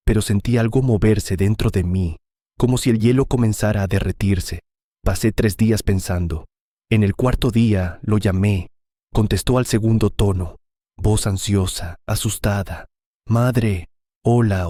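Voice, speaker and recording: A man with a low, dark, mellow voice narrates a dramatic story in a measured, unhurried way. The reading is dry and close to the mic. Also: dry recording. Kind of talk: scripted first-person story narration.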